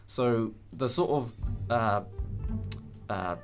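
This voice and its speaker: A young adult man with a mid-range voice, the creator of a fan audio drama, chats casually in a behind-the-scenes interview, hesitant and rambling with many pauses. A light music bed with guitar plays under his speech.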